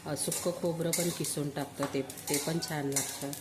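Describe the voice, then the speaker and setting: A soft-spoken woman hosting a casual home-cooking vlog from her kitchen, talking quietly to her viewers. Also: sits low, steady tone, normal speed, background noise. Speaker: home cooking channel host. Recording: clattering pots and sizzling behind voice.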